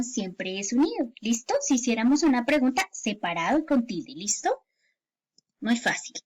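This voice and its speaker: A woman teacher gives a grammar lesson to children, patiently repeating each example and checking in often. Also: a little high.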